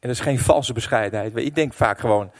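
A man's voice: medium pitch, brisk. Emotional middle-aged preaching man. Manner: emotional storytelling, swinging between hushed and loud. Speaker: pastor. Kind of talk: sermon with personal testimony.

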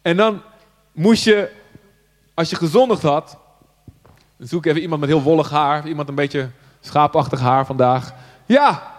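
A man from the Netherlands preaching a sermon to a live audience, telling the story in an animated way and dropping from hushed tones to loud outbursts. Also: a little high, normal speed. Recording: long hall reverb.

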